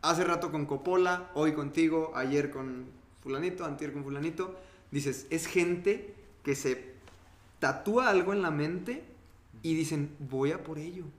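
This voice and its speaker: A man's voice: on the high side, unhurried, reverberant. A man with a Mexican accent co-hosting a casual podcast, talking animatedly and acting out other people's reactions. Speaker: podcast co-host.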